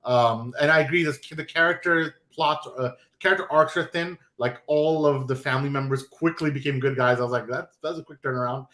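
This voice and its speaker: A man hosting a podcast and chatting casually, animated and quick, with many restarts. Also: mid-range voice. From New York. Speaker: podcast host. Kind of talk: casual chat.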